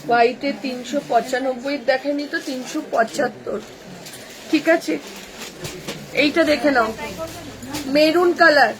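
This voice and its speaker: High-voiced woman selling on a live stream. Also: a crowd in the background, poor audio. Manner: brisk repetitive sales patter, calling out colours and prices. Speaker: boutique owner selling clothes on a live stream. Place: her shop.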